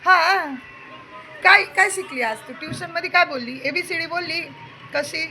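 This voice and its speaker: High, bright young mother coaxing her child. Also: moderate pace, a little hiss or hum, low-quality recording. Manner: coaxing, playful questioning. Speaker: mother filming her daughter. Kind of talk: casual home chat with a child. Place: home indoors.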